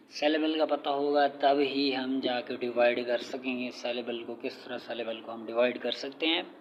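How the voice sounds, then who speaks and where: A male teacher giving a lecture. He repeats each point patiently, asks himself questions and reads definitions out slowly, word by word. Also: mid-range voice, muffled recording, a little hiss or hum. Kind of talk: classroom lecture.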